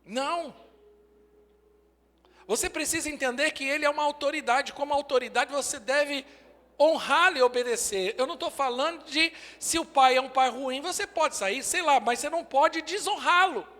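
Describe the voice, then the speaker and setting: A man's voice: very high-pitched, moderate pace, pushed and bright. A man in his forties with a Brazilian Portuguese accent, preaching a sermon in short, emphatic declarations. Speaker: pastor. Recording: long hall reverb.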